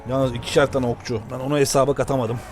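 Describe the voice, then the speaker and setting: A man giving casual, excitable commentary while playing a video game, often shouting at it. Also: medium pitch, fast, slight background noise. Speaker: gameplay commentator.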